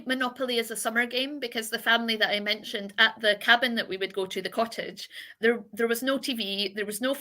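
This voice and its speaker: A woman's voice: medium pitch, bright, forceful tone. A woman co-hosting a casual podcast chat, reading out listener comments and chatting about board games. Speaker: podcast co-host.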